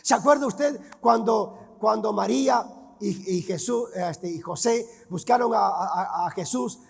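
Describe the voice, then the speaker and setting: Male pastor, sermon, high gravelly voice, husky, slow delivery, long church reverb. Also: faint music behind. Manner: emphatic, shouts key words, quizzes the congregation.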